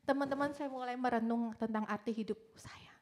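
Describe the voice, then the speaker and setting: A young woman with a high voice gives a heartfelt testimony to a congregation. She talks dramatically, falling to hushed whispers and then rising to loud, anguished cries. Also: fairly even intonation, brisk. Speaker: testimony speaker. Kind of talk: emotional testimony sermon.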